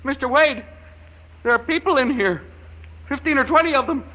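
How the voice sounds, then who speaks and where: An actor in his forties playing a frightened, stammering man trapped in a dark silo, in 1950s radio drama style. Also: extremely high pitch, animated, moderate pace, highs cut off, heavily acted. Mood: terrified. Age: 40s. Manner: stammering, panicky. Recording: very noisy old radio recording.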